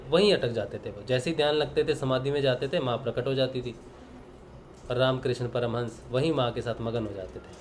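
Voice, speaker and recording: A man's voice: medium pitch, a little hiss or hum. Earnest man leading a spiritual talk. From Punjab, India. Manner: earnest, reflective, acts out dialogue from stories. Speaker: meditation session leader. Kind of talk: spiritual discourse with storytelling.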